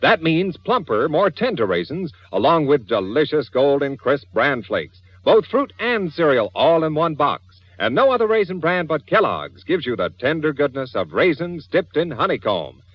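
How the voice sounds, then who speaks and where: A male commercial announcer makes an emphatic old radio sales pitch. His delivery swings lively in pitch, slightly high, on a dull vintage broadcast disc. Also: moderate pace, few pauses, husky, no room sound. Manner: selling, emphatic. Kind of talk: 1950s radio advertising pitch.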